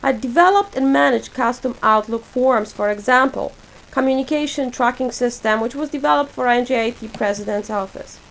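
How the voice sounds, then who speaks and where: A native Polish speaker from Poland, a woman in her forties and a graduate student, reads a prepared self-introduction for her portfolio. She speaks in a measured, list-like manner with a fairly high voice. The recording is rough, with a slight hiss or hum.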